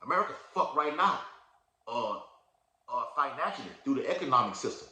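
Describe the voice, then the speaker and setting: A man preaching a fervent prophecy sermon in casual slang, reading scripture verses out loud and booming with emphasis. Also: lively intonation, brisk, roomy sound.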